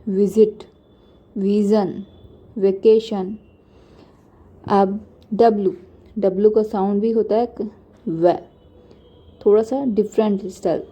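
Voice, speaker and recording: Slow, dark-voiced woman teaching phonics. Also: medium pitch, highs cut off. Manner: slow, patient, spells out letter sounds with example words. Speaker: English teacher. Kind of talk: slow beginner phonics lesson.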